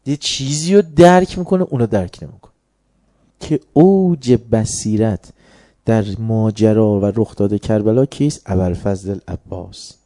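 A man with a Tehran accent preaching a sermon, moving from hushed storytelling to loud, emphatic points. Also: on the low side, dry recording, clean studio sound. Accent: Tehran Persian.

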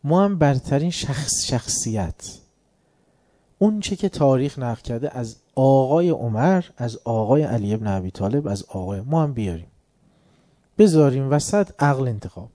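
A man preaches a religious lecture in a dark, mellow, medium-pitched voice with lively intonation. He quotes Arabic phrases and then explains them, swinging from hushed asides to loud, emphatic declarations.

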